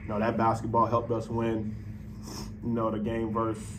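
Talking to the press after a game, this basketball pro in his twenties sits at a table mic on a stand in the arena press room and answers casually, filling gaps with "you know." His voice is lowish at normal speed, over a noisy background.

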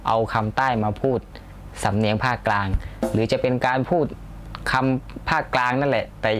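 A man, calmly explaining with examples. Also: mid-range voice, moderate pace, a little hiss or hum. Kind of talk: explaining, casual talk.

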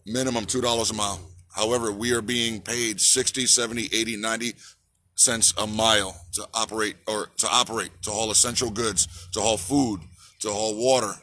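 A trucker activist in his forties gives an impassioned protest speech on a city sidewalk beside a park, repeating slogans and calling for the crowd to answer back. His voice is fairly low, steady, sharp in tone and fairly quick, and it was recorded on a phone held at arm's length.

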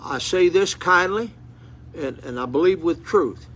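Seated in a small curtained room, an eighty-something preacher reads and expounds scripture with fervor, climbing into exclamations and frequently repeating or restarting. His voice is high and bright with a husky edge, lively in intonation but a little slow. The audio comes from a nearby phone camera.

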